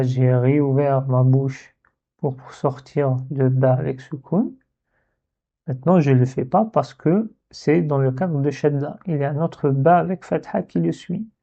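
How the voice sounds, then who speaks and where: Patiently repeating syllables to demonstrate pronunciation, a man with a slightly high, dark-toned voice leads a step-by-step reading lesson. The recording is lo-fi, dull and muffled.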